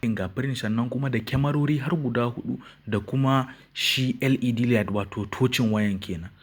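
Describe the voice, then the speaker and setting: A man's voice: medium pitch, fairly quick. A man with a Nigerian Hausa accent, narrating a phone unboxing and review as the host of a tech channel.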